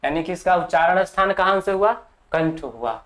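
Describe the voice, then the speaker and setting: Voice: medium pitch, animated. A teacher giving a grammar lesson for exam students, dictating for notes, repeating key terms and often checking in with the class. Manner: slow, deliberate, dictating for notes.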